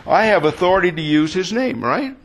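Conversational male preacher, higher voice. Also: expressive, a little fast. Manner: conversational, asks the congregation questions; repeats words while searching for phrasing. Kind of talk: sermon.

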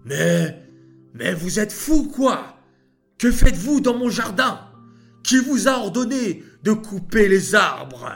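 A man playing a hot-tempered king who shouts in outrage and gives orders. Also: fairly high pitch, fairly even intonation, slow, creaky, faint music behind, pitched above the performer's own voice, heavily acted. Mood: outraged.

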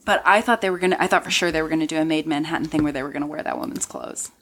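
A woman's voice: deep voice, rapid-fire, a bit bright. A woman co-hosting a podcast, chiming in casually with short remarks and added details. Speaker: podcast co-host. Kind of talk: casual chat.

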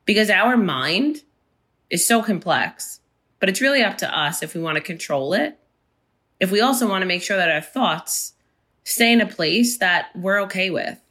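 A woman with a raspy voice hosting a solo podcast, talking slowly and gently about finding inner peace. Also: mid-range voice, lively intonation. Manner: slow, gentle, unhurried delivery. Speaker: podcast host. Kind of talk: reflective solo podcast talk.

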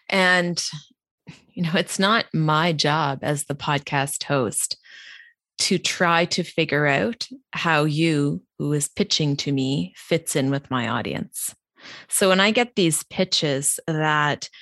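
A woman hosting her own podcast, speaking frankly and candidly, with pauses while she thinks aloud. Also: lowish voice, fairly bright tone, dry recording. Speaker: podcast host. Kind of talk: conversational interview.

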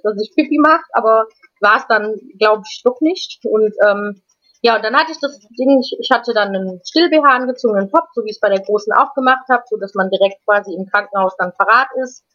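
A woman guest in an interview, telling a personal story in a casual, halting way with frequent restarts and repeated words. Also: medium pitch, a bit bright. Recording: dull lo-fi recording.

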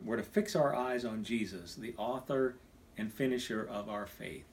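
A middle-aged man from Kansas, a pastor, preaching a sermon with animated delivery that drops to a near hush when quoting. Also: on the low side, moderate pace, a little hiss or hum.

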